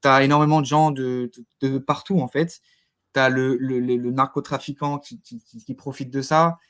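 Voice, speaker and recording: A man giving a casual interview as a guest, haltingly repeating words as he searches for phrasing. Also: mid-range voice, fairly even intonation, fairly bright tone.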